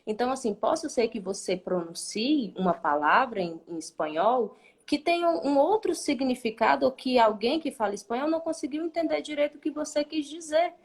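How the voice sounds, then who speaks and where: A woman's voice: high voice, lively intonation, brisk, few pauses. Woman teacher peppering her talk with "né?". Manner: explains patiently, tags sentences with a questioning "né?"; thinks aloud with restarts and fillers. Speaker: Spanish teacher. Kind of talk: explanatory talk in a live online class.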